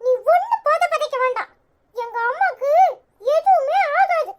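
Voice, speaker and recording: A woman's voice: extremely high pitch, lively intonation, unhurried. A woman voicing a bossy older child who scolds firmly, with a Tirunelveli Tamil accent. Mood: scolding. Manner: firm, scolding.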